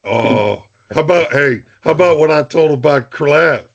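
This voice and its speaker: A man's voice: on the high side, expressive, measured pace, creaky, dull audio. A man hosting a podcast, telling jokey team stories in casual chat, with lots of "hey" and restarts. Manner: joking storyteller, many restarts and "hey".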